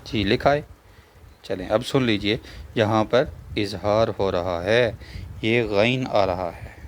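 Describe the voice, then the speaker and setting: Patient man spelling out a reading lesson. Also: lowish voice. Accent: Pakistani Urdu. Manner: spells out letters and vowel marks, then drawls the joined words slowly; asks the viewer questions and repeats each rule. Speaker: Quran reading teacher. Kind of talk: step-by-step recitation lesson.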